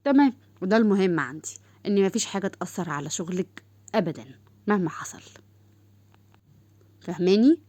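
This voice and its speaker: A woman's voice: medium pitch, lively intonation, a little fast, pauses often, warm tone, no room sound, lightly acted. A woman voicing a firm, commanding male team leader.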